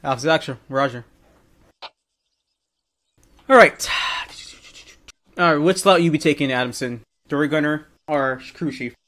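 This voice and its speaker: A man's voice: a little high, measured pace, pauses often, a bit bright. A man instructing trainees in a military roleplay game, directing and correcting them as he briefs. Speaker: military-sim drill instructor.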